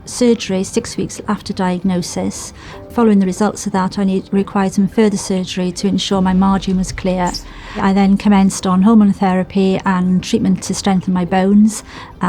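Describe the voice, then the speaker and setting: A woman in her sixties, a patient, speaking in a cheerful, measured way about her treatment. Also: mid-range voice, mellow. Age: 60s. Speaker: patient sharing her experience. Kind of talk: casual chat.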